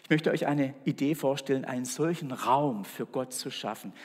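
A man preaching a sermon, moving between raised calls and hushed whispers. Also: mid-range voice, normal speed, husky. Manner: dramatic, shifts between loud calls and soft whispers. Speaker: pastor. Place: church. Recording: long church reverb.

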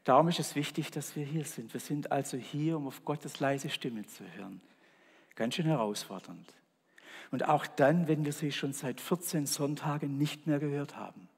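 A man preaching a sermon, moving between raised calls and hushed whispers. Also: on the high side, normal speed, creaky, slightly rough. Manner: dramatic, shifts between loud calls and soft whispers. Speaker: pastor. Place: church. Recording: long church reverb.

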